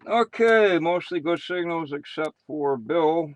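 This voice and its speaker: A man's voice: a little high, lively intonation, slow. A man with an American accent acting as amateur radio net controller, making casual announcements with rambling, muttered asides.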